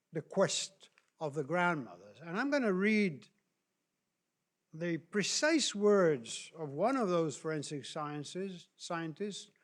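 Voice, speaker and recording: A man from Chile and Argentina giving a lecture in a deliberate, halting way, with frequent fillers and restarts. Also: fairly high pitch. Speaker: speaker on human rights law. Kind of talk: lecture presentation.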